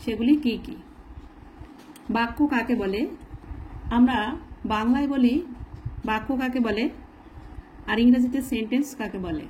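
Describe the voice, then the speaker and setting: A woman teaching a children's lesson, slowly spelling out words letter by letter and explaining grammar in a patient way. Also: fairly high pitch, a little mellow, slight background noise, rough recording. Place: at home, writing in a notebook.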